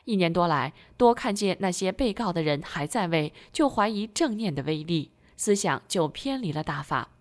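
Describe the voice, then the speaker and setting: Female reader with a slightly low voice and a steady, formal read. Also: moderate pace, hardly any pauses. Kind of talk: reading aloud a scripted text.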